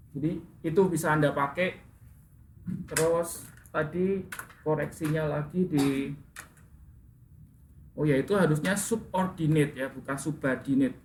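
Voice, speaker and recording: A man's voice: fairly high pitch, a little slow, long pauses. Male teacher correcting pronunciation in an echoey classroom. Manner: corrects students' pronunciation and asks questions. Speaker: English teacher. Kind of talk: classroom instruction. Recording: echoey classroom with faint room noise.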